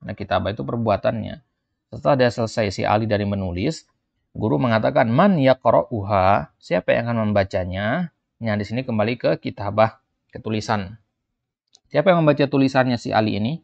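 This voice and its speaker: A man with a low, gravelly voice works through a lesson, lifting his tone to read each line slowly and then dropping into quieter asides to explain. The sound is dry and close, a little dull and muffled, with no room around it. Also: no room sound. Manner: reads Arabic lines slowly, then translates and explains; lifts his voice when reading quotes, drops low for asides. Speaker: Arabic teacher. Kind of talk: explaining a textbook dialogue.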